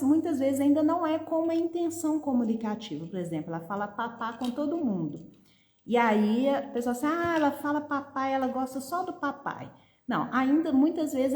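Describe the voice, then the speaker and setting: A Brazilian woman with a slightly high voice explains a topic to parents in a didactic live-stream style. She checks in with her listeners again and again. The sound is roomy, with a clear echo. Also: a little mellow. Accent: Brazilian Portuguese. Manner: didactic, frequent "né?" and "tá bom?" check-ins. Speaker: pediatric occupational therapist. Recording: echoey room.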